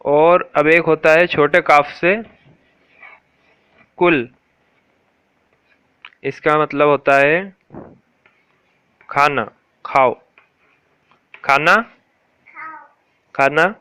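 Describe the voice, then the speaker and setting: A man teaching correct Quran pronunciation, patiently repeating words slowly and quizzing a listener. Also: a little high, bright, forceful tone, clear, resonant tone, no echo.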